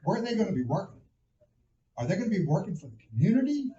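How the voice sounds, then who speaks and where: A man's voice: sits high, very animated, fast talker, warm tone. A man from the audience asking plain, direct questions at a community meeting. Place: meeting hall. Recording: echoey muffled hall sound.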